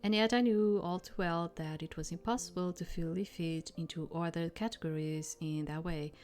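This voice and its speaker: Lowish-voiced woman narrating a game, music behind. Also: fairly even intonation, normal speed, a little mellow. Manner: reads story expressively, breaking off to comment. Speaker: streamer reading a visual novel aloud. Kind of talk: narrated game playthrough with casual asides.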